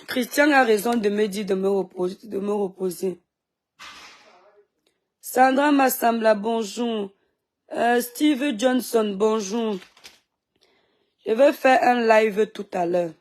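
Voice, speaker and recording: A woman's voice: fairly high pitch, slow pace, pauses often. A woman from Cameroon chatting on a phone live stream, greeting viewers by name and talking back at critics, with a sore throat.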